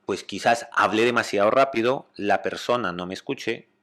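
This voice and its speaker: A man with a Spanish accent, a psychologist calmly explaining communication and often checking that listeners follow. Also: on the low side, moderate pace. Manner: calm, explanatory, checks understanding with "¿vale?".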